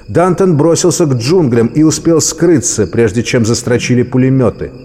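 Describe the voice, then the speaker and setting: A man reading a story aloud as an audiobook narrator, measured and expressive. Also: mid-range voice. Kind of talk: scripted narration. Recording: long reverb with music and crickets.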